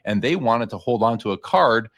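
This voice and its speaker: A man hosting a casual interview, speaking in a relaxed, reflective way. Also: medium pitch, moderate pace. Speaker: host.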